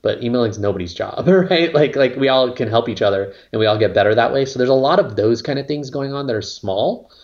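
A man's voice: mid-range voice, fast, hardly any pauses, darkish tone, muffled recording. A man, a company co-founder, talking casually in an interview, rambling with lots of fillers and some casual swearing.

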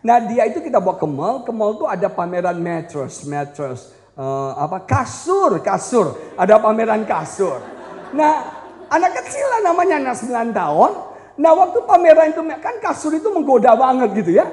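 A high-voiced man preaching with a lively, swooping delivery. He jokes with the congregation and acts out quotes, and his voice rings through a long echoey hall. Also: moderate pace. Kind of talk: lively sermon. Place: church retreat hall.

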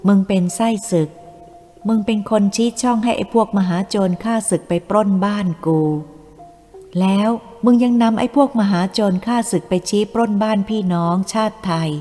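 A woman's voice: mid-range voice, moderate pace, natural voice. A woman voicing a defiant young captive woman who curses her captors fiercely. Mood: furious. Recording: reverberant room with soft music.

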